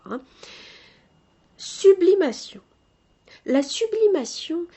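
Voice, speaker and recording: A French woman with a fairly high voice teaches vocabulary at an unhurried pace. She reads each term out, then explains it casually and throws in the odd joke. Her delivery is loose and chatty rather than scripted. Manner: reads out terms, then explains them in a relaxed, joking way. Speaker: podcast host teaching textile vocabulary. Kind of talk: casual spoken vocabulary lesson.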